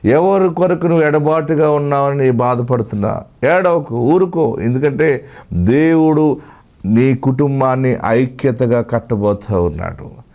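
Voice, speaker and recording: A man with a Telugu accent preaching an emotional sermon as a pastor, slowing down and stretching key phrases. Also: medium pitch, dark tone.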